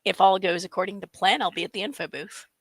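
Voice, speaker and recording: A woman co-hosting a casual live stream chat, halting, with a worn-out voice that is going. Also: medium pitch, steady tone, dry recording. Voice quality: strained, worn-out voice. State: losing her voice. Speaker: co-host of a live stream show.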